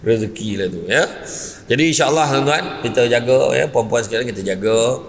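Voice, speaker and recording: A man with a Malaysian Malay accent, preaching a lively sermon and telling animated stories, often checking with the audience. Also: fairly quick, gravelly, a little hiss or hum. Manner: animated storytelling, jumps high for effect, asks "kan?" often. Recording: long hall reverb.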